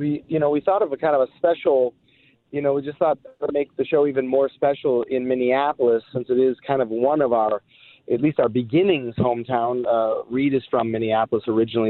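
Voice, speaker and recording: A man calls in on a speakerphone, and his voice comes through thin and tinny, like a phone line with no room sound. He talks loosely and chattily, full of fillers, as a guest musician in an interview. His pitch sits at an ordinary middle for a man. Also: no echo. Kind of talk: casual interview over the phone.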